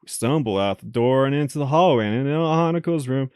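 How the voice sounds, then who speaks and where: A man's voice: mid-range voice, brisk, a little mellow, clean tone, no echo, studio quality. A man hosting a let's play, reading a visual novel's narration aloud with amused laughs between passages. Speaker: let's play host reading the game text.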